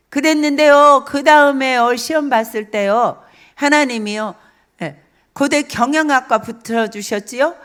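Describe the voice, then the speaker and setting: A middle-aged woman preaching a lively sermon, telling stories and acting out quoted speech, repeating phrases for emphasis. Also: sits high.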